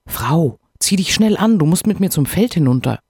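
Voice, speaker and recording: A man's voice: fairly high pitch, lively intonation, darkish tone, slightly rough, no room sound, studio quality, pitched above the performer's own voice. A man voicing a stubborn, cunning male hedgehog who talks in a pushy, emphatic way. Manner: pushy, emphatic, sometimes hurried.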